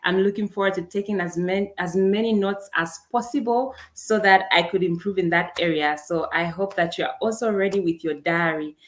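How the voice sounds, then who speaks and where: Hosting a live career webinar over video, a young woman from Zambia greets people by name from the chat, sounding upbeat and welcoming. She speaks at a moderate pace in a fairly low voice, with hardly any pauses.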